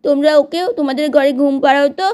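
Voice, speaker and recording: A woman voicing a bossy, easily annoyed young aunt in a doll-play story, complaining loudly. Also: high voice, fairly even intonation, fast, lightly acted. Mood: irritated.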